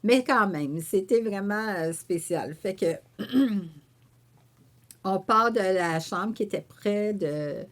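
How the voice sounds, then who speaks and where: A woman with a Québécois French accent, a painter and author telling a story in an interview. She acts out her own quoted remarks and fills pauses with "euh" and "tu sais.". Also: mid-range voice. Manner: animated storyteller who voices her own quoted remarks, with frequent fillers. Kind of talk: conversational storytelling.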